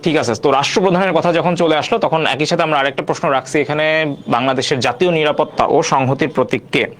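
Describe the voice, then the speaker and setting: A man's voice: on the high side, fast. A man teaching an online quiz class, repeating each question and prompting viewers to answer.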